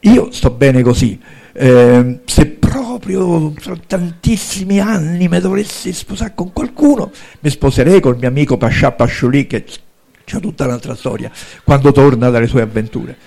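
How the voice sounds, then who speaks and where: A man's voice: mid-range voice, expressive, normal speed, gravelly, mellow. A man voicing a feisty young princess in a told fairy tale, speaking in indignant, snappy outbursts.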